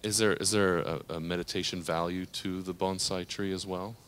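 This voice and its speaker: A man moderating a live interview on a theater stage, with a measured, announcer-like delivery. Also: low voice, steady tone, a bit bright, a little hiss or hum.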